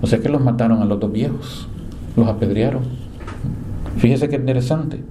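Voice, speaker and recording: A man preaching a sermon to a small group, telling Bible stories and voicing the quoted speakers with lively emphasis. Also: normal speed, slight background noise. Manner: animated storyteller, acts out quoted speakers in a higher voice. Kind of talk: sermon, Bible class storytelling. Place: church meeting room with a live group.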